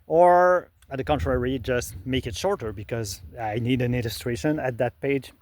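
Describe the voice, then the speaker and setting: A middle-aged man, a native French speaker with a French accent, talks casually about his own creative process. His mid-range voice has a darkish tone and moves at a moderate pace, but he hesitates a lot, filling the talk with fillers and restarts.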